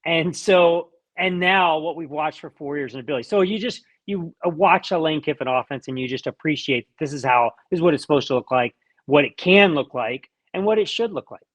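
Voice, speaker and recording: A man co-hosting a sports podcast who often chimes in with quick agreement. His voice sits a touch high for a man. The recording sounds slightly dull and lo-fi. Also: a bit bright. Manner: agreeable, chimes in with short replies. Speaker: podcast co-host. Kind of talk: casual sports chat.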